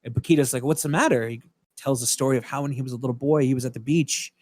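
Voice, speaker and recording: A man's voice: medium pitch, racing, dry recording. A man on a podcast, casually and animatedly retelling a film's plot with swearing and filler words. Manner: animated, profane storytelling with fillers. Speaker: podcast co-host. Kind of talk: casual film-review retelling. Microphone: podcast mic.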